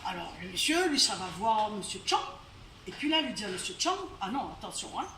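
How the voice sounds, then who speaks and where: At a storytelling evening in a venue, a female storyteller with a Réunion accent speaks at medium pitch, very animated and brisk, her voice pushed and bright. She relates a folk tale live in a chatty manner, with audience asides and frequent laughter, captured in a roomy, distant venue recording with faint noise.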